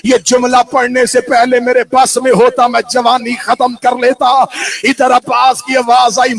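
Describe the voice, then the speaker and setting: A man delivering a chanted mourning sermon at a religious gathering, with a passionate, half-sung lament that rises into shouting. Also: very high-pitched, vocal fry.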